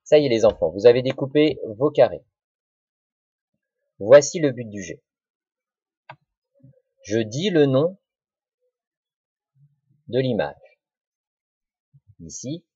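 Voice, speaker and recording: A man teaching young children a lesson, talking slowly and deliberately and repeating words and syllables. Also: medium pitch, lively intonation, warm tone, slightly rough, dry recording. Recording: dull lo-fi recording.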